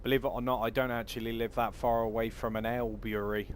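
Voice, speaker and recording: This man from Cornwall talks fast and flatly in a medium-pitched voice with a Cornish accent. He rambles in a relaxed way while streaming gameplay, with clear vehicle noise behind him.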